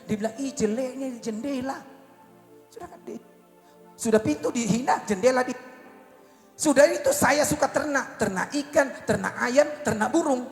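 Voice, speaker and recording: A male evangelist preaching a storytelling sermon, swinging from loud cries to low asides, in an echoey church hall with faint music. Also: expressive, normal speed, gravelly. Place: church service.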